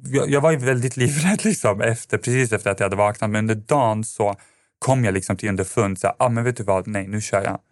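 Low-voiced man telling a story, dry sound. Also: no echo. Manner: rambling, many fillers and restarts. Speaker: podcast guest. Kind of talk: casual storytelling.

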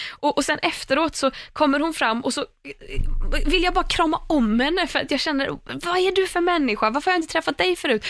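A young woman with a notably high voice tells a story in loose, casual chat, stumbling and restarting as she goes. Her voice is recorded close and dry, with no room sound. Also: dry recording. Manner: animated storyteller, many fillers and restarts. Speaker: podcast host.

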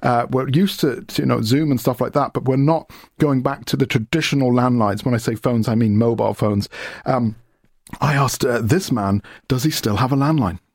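A man, hosting a radio feature and asking people lively questions. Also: mid-range voice, normal speed, dry recording, studio quality. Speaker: reporter and host. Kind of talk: radio feature and street interviews.

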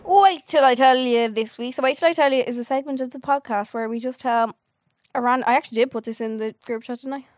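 A woman's voice: a little high, fairly even intonation, fast talker, no room sound, studio quality. A young Irish woman co-hosting a podcast, talking in a chatty, gossipy way with a slight lisp. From Ireland. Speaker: podcast co-host. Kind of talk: casual chat.

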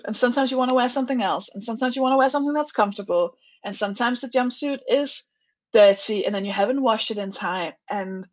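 A woman's voice: mid-range voice, low-quality recording. A woman from Denmark with a Danish accent, a comedian talking candidly in an interview, laughing often and restarting her sentences. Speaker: comedian guest. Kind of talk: conversational interview.

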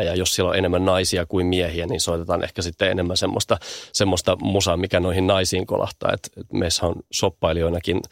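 A man with a very low voice and a gravelly edge talks through ideas as a guest, thoughtful and conversational, stumbling over small words now and then. The sound is dry and close, with no room around it. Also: dry recording. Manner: thoughtful, repeats small words while thinking. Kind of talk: explanatory conversation.

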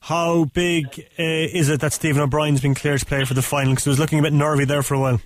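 A man's voice: on the high side, flat delivery, quick pace, no echo. A man with a Cork Irish accent presenting and interviewing as a sports radio host. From Cork, Ireland. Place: dry radio studio.

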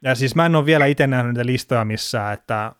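A man's voice: medium pitch, clear, resonant tone, dry recording, studio quality. A man hosting a casual sports podcast, chatty and rambling, laughing now and then. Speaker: podcast host.

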